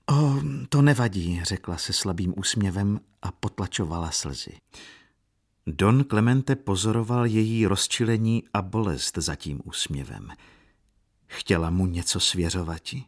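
A man narrating a novel as an audiobook reader, measured and calm. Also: deep voice.

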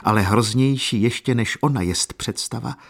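A man's voice: mid-range voice, vocal fry, husky, voice pushed up. A man voicing a passionate young woman who speaks with impassioned defiance. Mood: defiant.

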